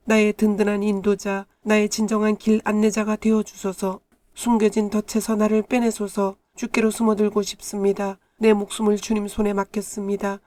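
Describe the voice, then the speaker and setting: A woman giving a calm, measured devotional reading of scripture. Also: mid-range voice, dry recording. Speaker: Bible reader.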